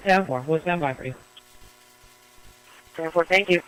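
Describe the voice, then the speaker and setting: A man's voice: on the high side, normal speed, fairly bright tone, smooth, no room sound. A man talking over a CB radio in clipped radio codes, heard as a distant transmission.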